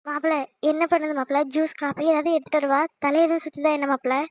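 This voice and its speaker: Lady doing an anxious doting cartoon mother-in-law, high and rapid, dry sound. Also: flat delivery, natural voice. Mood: fussing. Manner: anxious, doting, many questions. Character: worried middle-aged mother-in-law, fussing. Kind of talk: cartoon voice acting.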